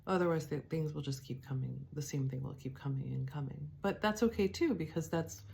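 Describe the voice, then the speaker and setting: A woman with a low, grounded voice leads a gentle devotional teaching. She speaks unhurriedly and reflectively, pausing often and restarting her thoughts. A faint hum of room ambience sits behind her. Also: creaky. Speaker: spiritual teacher.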